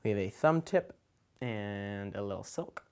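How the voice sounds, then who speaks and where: With a fairly low, smooth voice and lively intonation, a man who performs as a children's magician goes through his kit one piece at a time. He's unhurried, and his casual show-and-tell is informal, loosely improvised, and hesitant.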